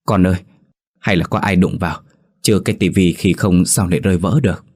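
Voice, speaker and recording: A man's voice: low voice, fairly even intonation, brisk, darkish tone. A man voicing a worried, stern older grandmother in a read-aloud storybook, with an insistent, scolding manner. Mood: puzzled.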